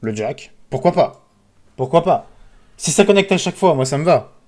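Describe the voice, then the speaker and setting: A man streaming casino games, commentating live, excitable, pleading with the game and calling out sums. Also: fairly high pitch, moderate pace.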